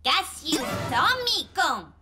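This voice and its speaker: An innocent little cartoon robot boy, extremely high and childlike. The phrases are simple and broken, delivered very slowly. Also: sing-song, over loud music, heavily acted. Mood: innocent, eager.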